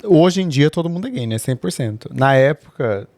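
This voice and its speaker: A man's voice: a little high, expressive, moderate pace, a little mellow, no room sound. A man with a Brazilian accent, co-hosting a podcast in easygoing, frank chat. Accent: Brazilian Portuguese. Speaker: podcast co-host. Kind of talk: casual chat.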